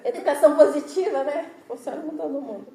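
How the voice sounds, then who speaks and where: A woman's voice: high-pitched, fast talker, reverberant, a crowd in the background, rough recording. A woman with a Brazilian Portuguese accent giving a chatty, self-deprecating devotional talk to a church women's group, laughing often as she speaks.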